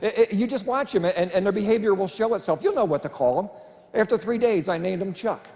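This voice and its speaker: A man's voice: high voice, quick pace, a little mellow. A middle-aged man doing family-friendly stand-up comedy, chatty and self-deprecating, on a church stage before a live audience. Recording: live hall with long reverb and faint room noise.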